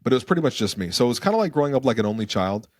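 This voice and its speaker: A man's voice: mid-range voice, big pitch swings, very fast, dry recording, studio quality. A young man from Germany and Arizona, a podcast guest talking casually and reflectively, with many fillers and restarts. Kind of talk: casual interview conversation.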